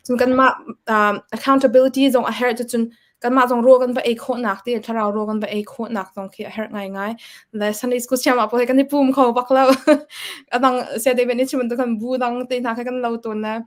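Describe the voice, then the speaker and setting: A woman's voice: on the high side, steady tone, a little fast. A woman speaking as a guest on church ministry, talking conversationally and mixing in English words. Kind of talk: casual ministry talk.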